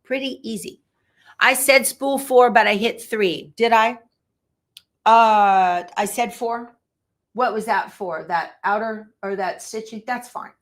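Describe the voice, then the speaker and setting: A woman's voice: a little high, slow pace. Chatty woman demoing an embroidery machine. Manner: chatty, thinks aloud, reads viewer comments. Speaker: embroidery instructor. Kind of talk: live-stream machine embroidery demo. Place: sewing room.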